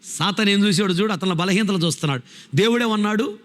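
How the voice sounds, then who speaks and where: A man's voice: sits high, fast talker, a bit bright, long reverb tail. A male pastor preaching a sermon, emphatic, firing rhetorical questions at his congregation.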